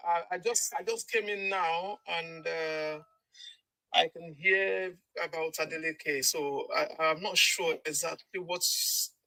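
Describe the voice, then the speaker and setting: A woman's voice: low voice, slow pace, sharp tone, rough recording. A woman calling in by phone while driving, speaking hesitantly and restarting her sentences. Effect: calling in by phone while driving a car. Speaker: caller. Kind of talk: casual discussion.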